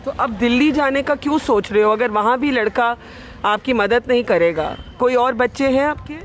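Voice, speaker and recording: A man reporting earnestly from an outdoor railway station and interviewing an elderly woman. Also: very high voice. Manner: earnest, measured. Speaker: news reporter. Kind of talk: field news report.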